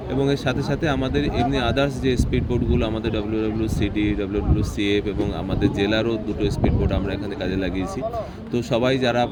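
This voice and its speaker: A man giving an explanatory official briefing outdoors, mixing in English terms. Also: lowish voice. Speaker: district administration official. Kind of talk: press briefing to camera. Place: outdoors at a festival site. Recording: loud outdoor ambient and vehicle noise.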